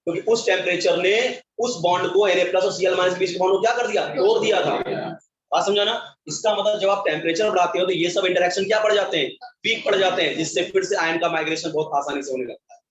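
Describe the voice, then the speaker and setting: A high-voiced man teaching a chemistry class, who keeps asking his students questions and answering them himself. He is heard from a distance in an echoey classroom, and the recording sounds dull and muffled. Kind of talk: classroom lecture.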